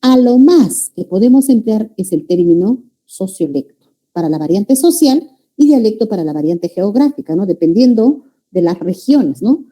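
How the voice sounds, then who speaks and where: A woman giving a pre-university language lecture, often checking in with her students with a quick "ya?" or "no?". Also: mid-range voice, expressive, mellow. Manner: calls students "jóvenes", checks understanding with frequent "¿ya?" and "¿no?". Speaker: language teacher.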